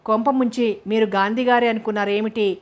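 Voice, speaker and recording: A woman's voice: on the high side, steady tone, brisk, natural voice. A woman voicing a kindly old grandfather. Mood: teasing.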